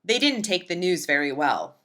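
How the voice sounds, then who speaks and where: Reading a children's picture book aloud, this woman uses a lively, emphatic storytelling style. Her pitch is on the low side, and her pace is normal.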